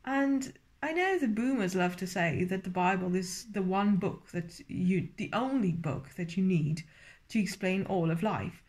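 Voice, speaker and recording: A woman's voice: medium pitch, a little slow, darkish tone. A tipsy woman giving a casual, rambling review, often searching for words and swearing now and then. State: tipsy from drinking. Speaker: video reviewer.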